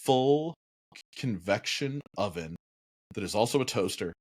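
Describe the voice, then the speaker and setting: A man with a fairly low voice talks up his favorite things on a podcast, emphatic and wry. His delivery is lively and casual. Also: unhurried. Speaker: podcast co-host. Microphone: podcast microphone.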